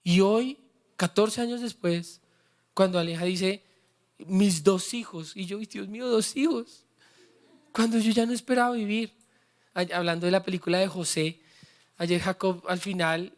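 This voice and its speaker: A pastor with a high-pitched voice preaches at a moderate pace with a steady tone and long pauses. Fervent, he urges the congregation to repeat words after him and tells his own story with heartfelt feeling.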